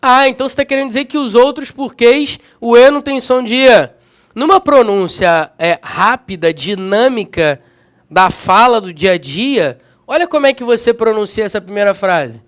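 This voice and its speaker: A man leads a grammar lesson for exam prep in a strikingly high voice. His pitch rises and falls all the time as he talks, keeping the delivery energetic. He keeps checking in with his students as he goes. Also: normal speed. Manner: energetic, checks in often with slangy tags. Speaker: grammar teacher.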